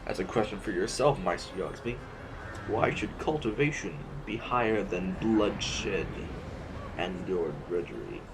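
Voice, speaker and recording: In an audio drama, a man voices a formal, courteously menacing sovereign presiding over a council, delivering pompous, measured, halting oratory. His voice is low and animated, his mood stern and patronizing, with a noisy background behind him.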